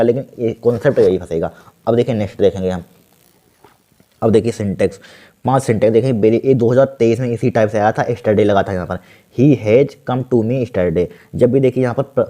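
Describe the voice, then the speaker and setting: A man runs an exam-prep grammar lesson in a dark, mellow voice. He spells out answers word by word as he writes them. He keeps asking the class what comes next, then answers himself. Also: medium pitch. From India. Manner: repeats words slowly while writing, asks and answers himself. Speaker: teacher.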